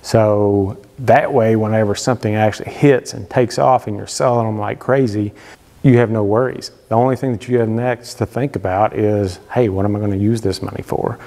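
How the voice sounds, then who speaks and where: A man's voice: lowish voice, mellow. A man in his thirties giving casual, conversational woodworking advice straight to camera, gesturing as he talks, from his home workshop. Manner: conversational, gestures a lot, frequent fillers. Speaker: woodworking channel host. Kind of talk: casual instructional talk to camera. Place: wood-paneled home workshop, indoors. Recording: long reverb from a workshop.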